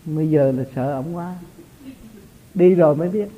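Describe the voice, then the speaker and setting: A man's voice: on the high side, normal speed, warm tone. A man, a spiritual teacher giving an informal, chatty talk to his followers and chuckling often. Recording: tinny lo-fi recording.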